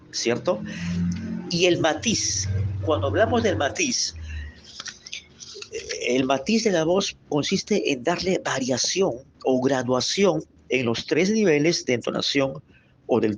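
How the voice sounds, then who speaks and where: A man teaching a lesson on the speaking voice, slow and deliberate, repeating key phrases and asking the listener to say them after him. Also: mid-range voice, a little hiss or hum.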